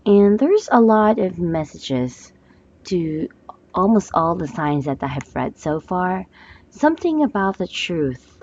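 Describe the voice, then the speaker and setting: Low, slow, hoarse woman reading tarot. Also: big pitch swings, lo-fi sound. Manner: gentle, hesitant with many fillers. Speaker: tarot reader. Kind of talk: monthly astrology love forecast.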